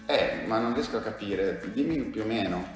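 In a very echoey room with faint music, a woman with a very deep, darkish voice playfully questions a child in a mock casting. Speaking at normal speed and expressively, she teases and encourages as an interviewer of children.

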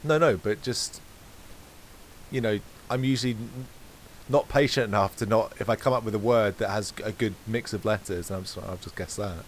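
A man's voice: lowish voice, normal speed, slight background noise, poor audio. A man co-hosting a podcast, chatting casually and rambling through his thoughts with many restarts. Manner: rambling, self-correcting, relaxed. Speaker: podcast co-host. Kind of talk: casual chat.

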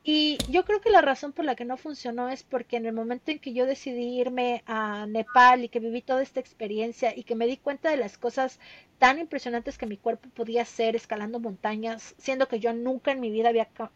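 A woman's voice: fairly high pitch, fairly even intonation, fairly quick, lo-fi sound. A Mexican woman in her thirties, a guest telling her travel story in a casual interview, with many fillers and tag questions.

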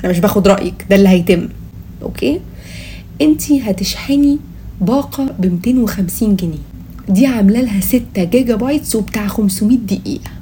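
A woman with an Egyptian Arabic accent hosts a casual comedy podcast. She talks quickly in a soft, relaxed tone with a mock-serious, playful delivery. Some ambient noise sits behind her. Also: medium pitch. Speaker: podcast host.

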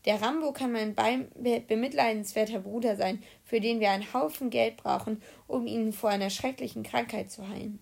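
A woman's voice: fairly high pitch, steady tone, moderate pace, creaky, few pauses, a little mellow. A woman reading a cheeky, scheming schoolboy. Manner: eager, scheming.

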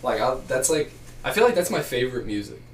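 A man's voice: mid-range voice, sing-song, fast, crowd noise. A young man chatting casually with friends about music, rambling with lots of fillers. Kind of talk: casual chat among friends. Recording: echoey room, mic at a distance.

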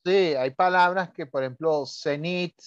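A man's voice: fairly high pitch, measured pace, clean tone, no room sound. Chatty Venezuelan man, muffled sound. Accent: Venezuelan Spanish. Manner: chatty storyteller with frequent laughs and asides. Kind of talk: casual conversation about spelling.

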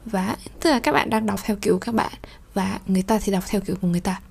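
A woman teaching a pronunciation lesson. She slowly repeats French model phrases, sometimes in a whisper, then explains them quickly in a conversational way. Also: medium pitch, vocal fry, darkish tone, husky.

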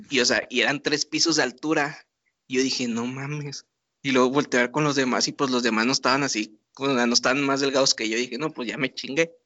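A man's voice: mid-range voice, no echo. A young man with a Mexican accent, casually telling a story, laughing often and using slang. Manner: laughing, animated retelling with slang. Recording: dull lo-fi sound.

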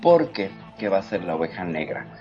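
Man, talk show host, expressive lecturing, faint music behind. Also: deep voice, fairly quick, dull audio. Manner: expressive, lecturing, swings loud and soft. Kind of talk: reflective talk show commentary.

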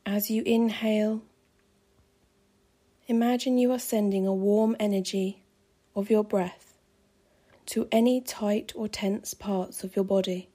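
A woman calmly guiding a pregnancy relaxation meditation with slow, soothing, measured phrasing. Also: mid-range voice. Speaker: meditation guide.

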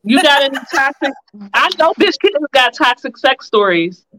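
A woman's voice: sits high, sing-song, moderate pace, bright, forceful tone, slight background noise, poor audio. A woman hosting a podcast who asks teasing questions and laughs often in casual chat. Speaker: podcast host.

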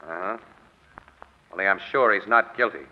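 An actor playing a wry, cool-headed crime photographer who talks in slangy tough talk in old-time radio detective drama style. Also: male voice, low-pitched, normal speed, slight background noise, close to an everyday voice. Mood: brash. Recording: dull vintage radio recording.

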